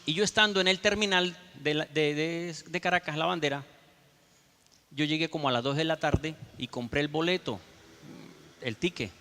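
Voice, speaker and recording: A male pastor preaching a story-driven sermon straight to his congregation. His voice sits high and comes across bright and forceful. The sound rings with a long hall reverb. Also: normal speed, a little hiss or hum. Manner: storytelling, addresses the congregation as brothers.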